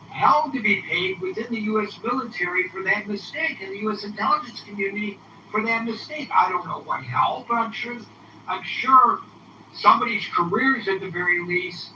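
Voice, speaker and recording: A man's voice: high-pitched, pushed and bright. A man hosting a political call-in show, speaking with impassioned, repetitive conviction. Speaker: podcast host. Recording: roomy, distant, faint hiss.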